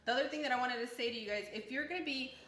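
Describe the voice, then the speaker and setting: A woman's voice: sits high, rapid-fire, fairly bright tone, roomy sound, slight background noise. Chatty woman hosting a cooking video. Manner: upbeat, chatty, laughs often. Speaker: cooking channel host. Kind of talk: casual cooking demonstration. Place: home kitchen.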